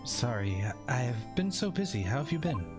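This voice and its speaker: A man voicing a composed older-sister lawyer woman, speaking low and measured while playing a game. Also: big pitch swings, music in the background, close to an everyday voice. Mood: calm.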